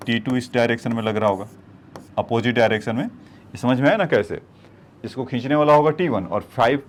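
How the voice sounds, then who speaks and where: A man's voice: mid-range voice, slight background noise. A male physics teacher working through problems on a board, explaining each step and addressing his students as children. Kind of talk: whiteboard problem-solving lecture.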